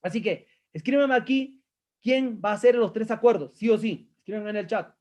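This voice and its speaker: A man with a high-pitched voice coaches a live audience. He speaks emphatically, repeats his key phrases and keeps checking in with questions. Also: normal speed, darkish tone. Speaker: life coach. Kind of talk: live-streamed motivational coaching session.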